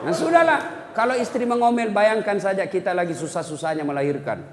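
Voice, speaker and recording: A man's voice: high-pitched, brisk. A man giving a humorous sermon, joking and acting out what husbands and wives say. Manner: jokey, acts out quoted couples' talk. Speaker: preacher. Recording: echoey hall with background noise.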